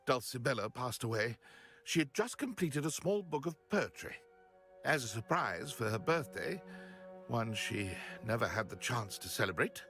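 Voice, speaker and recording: An actor playing a shaken, grieving widower in a video game, speaking formally with sighs. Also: male voice, medium pitch, a bit bright. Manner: sorrowful, sighing, formal speech.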